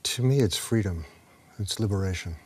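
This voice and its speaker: A man's voice: fairly low pitch, moderate pace, darkish tone, slightly rough. A man, an actor, talking reflectively in an interview and telling a story with acted-out dialogue, sometimes dropping to a whisper.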